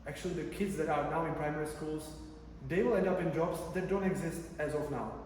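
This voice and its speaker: This male PhD researcher from the Czech Republic delivers a brisk conference talk in a slightly high voice with a darkish tone. His speech is casual, full of fillers and restarts. Heard from a distance in a large conference room, the sound is echoey with background noise.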